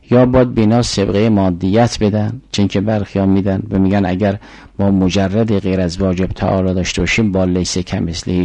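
A man's voice: lowish voice, mellow, no room sound, low-quality recording. An older man giving a formal philosophy lecture, explaining arguments step by step and reciting Arabic syllogisms.

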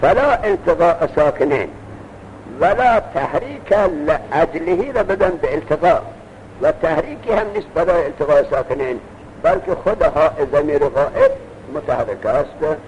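A man's voice: a little high, sing-song, a little mellow. A man teaching a classroom lesson, lecturing with rhetorical questions and reading texts aloud. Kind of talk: classroom lecture on Arabic grammar. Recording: dull lo-fi recording with faint noise.

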